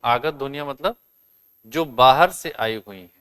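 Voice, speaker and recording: A man teaching a class, explaining step by step, asking questions and answering them himself, and sounding out words slowly and carefully. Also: medium pitch, a bit bright, clean tone. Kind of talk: classroom lesson.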